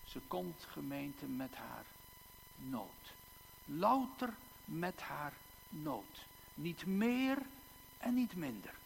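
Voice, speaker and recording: Male preacher, high lively voice, long pauses, echoey church with a faint hum. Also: creaky. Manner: slow and emphatic, with long dramatic pauses and repetitions. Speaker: pastor. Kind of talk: sermon.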